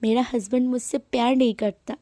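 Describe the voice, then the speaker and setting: A woman voicing a flustered young husband who protests in breathy, stammering half-whispers. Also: steady tone, a little fast, mellow, dry recording, close to an everyday voice. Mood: protesting. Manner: breathy, stammering, slightly higher whispered pleas.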